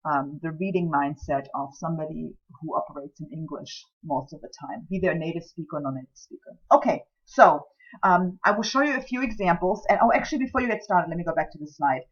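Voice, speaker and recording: This writing instructor, a woman whose native language is German, talks fast in a low-pitched voice, and the recording has its highs cut off. Her lecture on scientific writing is chatty, filled with ums and self-deprecating remarks.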